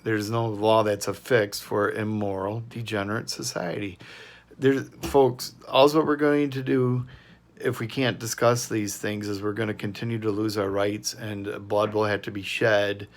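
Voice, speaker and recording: A man with a lowish voice speaks in a level tone and a little slowly. He hosts his own commentary channel, rambling through an opinion monologue in a casual, earnest way, with plenty of fillers and restarts.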